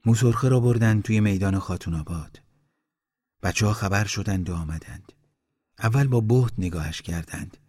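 A man reading a story aloud in a calm, measured way, giving each villager a voice. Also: fairly low pitch, breathy edge. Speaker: narrator.

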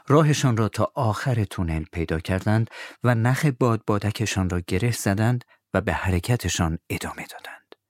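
Animated male storybook narrator. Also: lowish voice, no room sound, clean studio sound. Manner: animated, dropping to whispers for suspense.

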